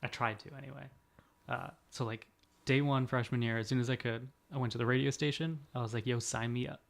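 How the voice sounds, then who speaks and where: A man in his twenties co-hosts a podcast, chatting casually and rambling through stories with self-deprecating humor and frequent laughter. His voice is gravelly and creaky, with an ordinary middle pitch, a steady tone, a bit of brightness, and a fast pace.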